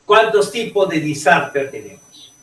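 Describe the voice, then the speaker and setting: A male teacher lecturing a class, halting and restarting often and checking in with "ok?" as he goes. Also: on the high side, sing-song, pushed and bright. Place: echoey classroom. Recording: roomy classroom audio, mic far off.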